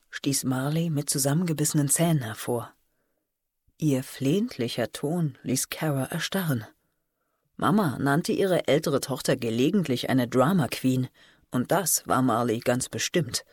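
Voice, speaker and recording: A woman reading a suspense novel aloud as narrator, in measured, expressive storytelling. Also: extremely low pitch, slightly rough, no echo, studio quality. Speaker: audiobook narrator. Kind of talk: scripted audiobook narration.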